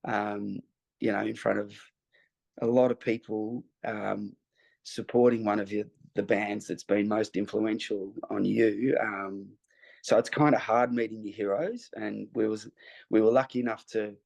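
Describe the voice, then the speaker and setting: Low gravelly man telling stories haltingly. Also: fairly even intonation, darkish tone. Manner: rambling, hesitant storytelling. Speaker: guest musician. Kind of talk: interview anecdote.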